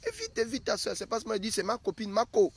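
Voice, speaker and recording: A man preaching a live sermon in a high voice. He is direct and insistent, and he keeps circling back to the same pointed questions. A faint outdoor noise hums behind him. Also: very animated, quick pace, creaky. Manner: direct, hammering with repeated questions to the listener. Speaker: prophet preaching to his followers.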